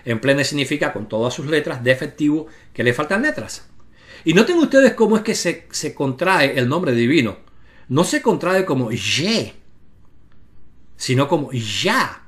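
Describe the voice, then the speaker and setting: A man's voice: on the high side, lively intonation, normal speed. A man teaches a Bible lesson. He goes through Hebrew letters and names one at a time, steering his viewers' attention to each one. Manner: explains step by step, points at on-screen letters. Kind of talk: lecture on Hebrew grammar.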